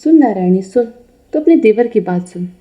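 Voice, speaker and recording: A woman's voice: medium pitch, animated, moderate pace, lightly acted. Woman doing a scolding old grandmother. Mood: complaining. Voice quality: scolding, sharp-tongued. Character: shrill spiteful old grandmother, quarrelsome. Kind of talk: storytelling. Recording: roomy, dull lo-fi recording.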